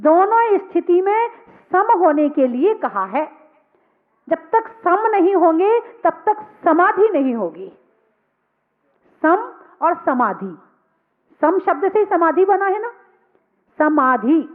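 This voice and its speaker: A woman preaching a sermon in a very high voice. She asks the listeners questions and answers them herself, repeating key words as she goes. The sound is thin and narrow, like a phone line. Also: big pitch swings, slow, pauses often. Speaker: Jain nun preacher.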